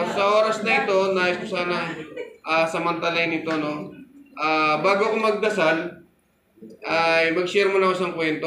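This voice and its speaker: A man's voice: on the high side, bright, forceful tone, echoey room, a little hiss or hum, low-quality recording. A man preaching a sermon as pastor, telling a story and calling out to the congregation for amen.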